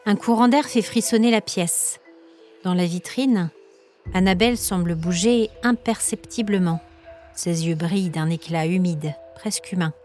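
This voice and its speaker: A podcast host narrates a scripted supernatural story in a measured, literary, suspenseful style. She has a lowish, slightly mellow voice, and faint music plays behind her.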